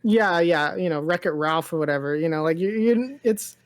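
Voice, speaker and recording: Speaking at a moderate pace in a fairly low voice, a woman co-hosts a pop culture podcast and chats casually about films. Her talk rambles, full of repeated words and frequent self-interruptions.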